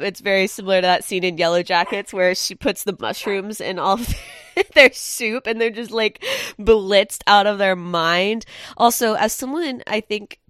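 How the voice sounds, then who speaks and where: A woman's voice: mid-range voice, fairly bright tone, dry recording, studio quality. A woman co-hosting a chat show, reading articles aloud and adding informal, emphatic commentary. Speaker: podcast co-host.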